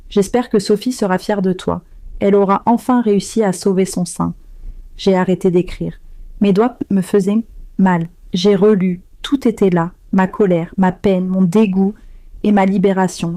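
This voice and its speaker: Grave, mellow-voiced woman narrator. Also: medium pitch, no echo. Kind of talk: first-person scripted story narration.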